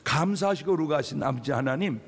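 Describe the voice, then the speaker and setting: A man preaching a sermon as a pastor, humorous and animated, calling out to his congregation in a church sanctuary. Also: a little high, fast talker, slightly rough. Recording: long reverb of a large church hall.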